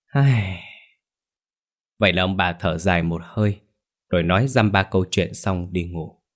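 A man narrating a ghost story in a steady, unhurried reading voice. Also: low voice.

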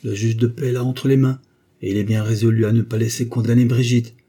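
Guy doing a stern cold duchess, higher n louder than his own voice, bossy and grave. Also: level tone, brisk, husky, close to an everyday voice. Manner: stern, commanding, solemn. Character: imperious cold-hearted noble duchess, woman. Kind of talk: audiobook character voice.

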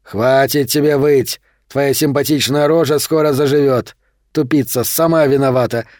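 A man reading an audiobook, voicing a brutal male vampire thug with slow, loud, jeering threats. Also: mid-range voice, steady tone, no echo, clean studio sound, close to an everyday voice. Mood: menacing.

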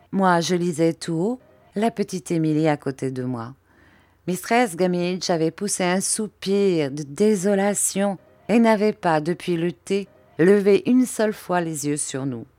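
Audiobook narrator, woman, lowish voice, measured expressive reading, dry close sound. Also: dry recording. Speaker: audiobook reader. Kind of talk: storybook narration.

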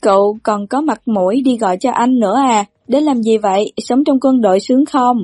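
A woman's voice: on the high side, moderate pace, darkish tone, dry recording, clean studio sound, close to an everyday voice. A woman voicing a stern, irritable older brother who scolds curtly. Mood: scolding. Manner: gruff, scolding, curt.

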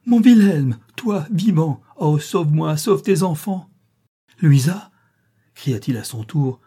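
A man narrating a French adventure novel as an audiobook, in a steady, expressive reading. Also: medium pitch, breathy edge.

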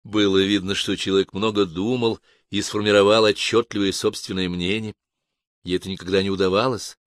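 Male audiobook narrator, low voice, measured, dramatic, dry close sound. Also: little pitch movement, dry recording. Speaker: audiobook reader. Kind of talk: audiobook narration of science fiction.

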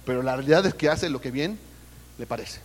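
A man's voice: mid-range voice, lively intonation, brisk, big-room sound. A Mexican man preaching a sermon with a Mexican Spanish accent, calling his listeners brother and putting questions to the congregation. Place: church service.

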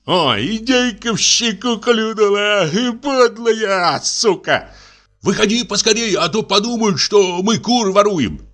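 A man's voice: high voice, expressive, a little slow, fairly bright tone, voice pushed up. A man reading aloud and voicing an indignant, exhausted guest who grumbles about his host. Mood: indignant, weary. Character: weary, thirsty male guest, grumbling and indignant.

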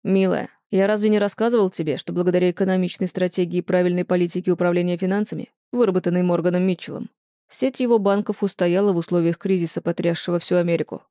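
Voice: medium pitch, fairly even intonation, quick pace, mellow, no echo, studio quality, close to an everyday voice. An audiobook narrator voicing a stern, controlling young man in a romance story, curt and cold. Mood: patient.

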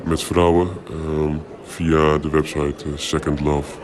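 An anonymous interviewee in his twenties has his voice distorted and pitched down very deep so he can't be recognised. He speaks hesitantly and slowly with a flat delivery and many filler sounds.

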